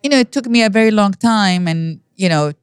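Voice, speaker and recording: A woman's voice: medium pitch, fairly quick, smooth, dry recording, studio quality. Earnest woman in her fifties. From Iraq. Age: 50s. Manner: earnest, reflective, frequent restarts. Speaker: guest. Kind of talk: personal storytelling in an interview.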